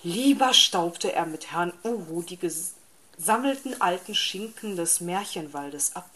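A woman narrating a children's story in a calm, even storytelling manner. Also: fairly low pitch, a little slow, slight background noise.

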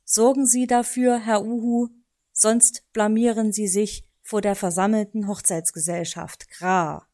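A woman voicing a fussy, strict male raven who talks stiffly and formally and ends his sentences with a croak. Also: mid-range voice, steady tone, measured pace, warm tone, lightly acted. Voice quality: croaks a "gra" at line ends.

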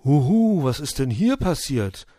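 Man doing caring old owl doc, calm explaining, dry sound. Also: fairly high pitch, unhurried, no room sound, voice pushed up. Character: kindly old male owl doctor, calm.

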